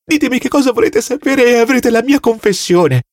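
A man's voice: animated, a little fast, dry recording, clean studio sound. A man voicing a terrified, starving male prisoner who begs and screams for mercy in an audiobook reading. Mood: desperate pleading. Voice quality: shrill pleading cries.

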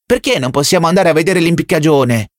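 A man voicing a fierce nine-year-old boy who shouts accusations in a high, strained voice. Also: lively intonation, a little fast, no room sound, clean studio sound, lightly acted. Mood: shrill, accusing.

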